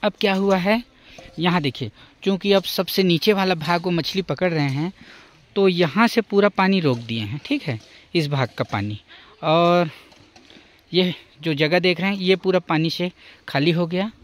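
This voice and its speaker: A young vlogger with a high-pitched voice narrates outdoors at a forest stream, speaking at a moderate pace. He explains step by step what he's showing the viewer, pointing things out as he goes.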